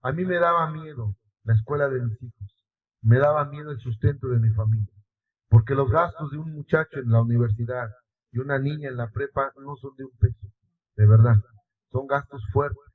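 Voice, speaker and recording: A middle-aged man with a Mexican accent, preaching a sermon in an emotional, conversational way with sudden rises and falls in loudness. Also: medium pitch, normal speed. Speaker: lay preacher. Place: church. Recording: distant, muffled church recording.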